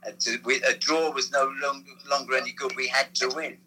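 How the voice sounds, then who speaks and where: Man, bright voice, casual rambling recollections, stops and restarts. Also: medium pitch, steady tone, slight background noise, low-quality recording. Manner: rambling, halting storyteller with restarts. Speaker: former football club figure, guest. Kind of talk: casual reminiscing chat.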